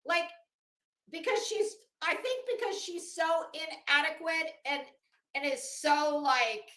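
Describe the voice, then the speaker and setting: Slowly and in a high, sharp voice, the livestream host reads aloud and chats. She keeps her blunt, salty, sardonic edge, and the room echoes around her.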